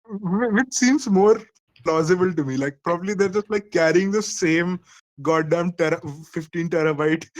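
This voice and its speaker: A man's voice: sits high, moderate pace. A man from India chatting casually on a voice call, rambling with restarts and swearing. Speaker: discord call participant. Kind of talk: casual chat.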